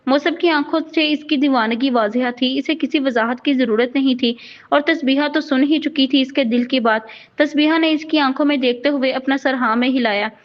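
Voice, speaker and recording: A woman reads a romantic novel aloud in a steady, even manner. Her voice sits high. The recording is dull and lo-fi. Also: moderate pace. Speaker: narrator. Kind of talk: storybook novel narration.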